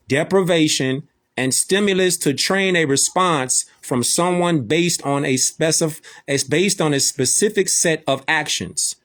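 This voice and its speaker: A man's voice: on the high side, fairly bright tone. A man giving preachy commentary in casual slang, emphatic and repetitive.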